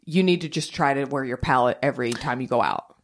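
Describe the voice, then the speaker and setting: A woman's voice: very deep voice, fast. A woman giving advice in casual podcast chat, blunt and emphatic, swearing freely.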